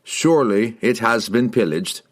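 A man voicing an earnest young barbarian warrior in an audiobook, speaking in a measured, reasoning way. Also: lowish voice, lively intonation. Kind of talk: audiobook character voice.

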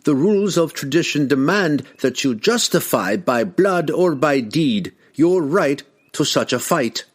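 Firm formal old tribesman, voice pitched up and lively, a man putting him on. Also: a little slow.

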